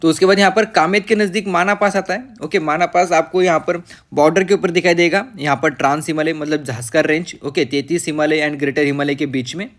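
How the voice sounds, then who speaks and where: A man teaching geography from a map for exam students, pausing with fillers and saying "okay" after nearly every point. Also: a little high, steady tone, a bit bright. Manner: repeats "okay" after nearly every point, mixing English terms into Hindi; pauses with fillers and self-corrections while reading the map. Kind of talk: map-based lecture.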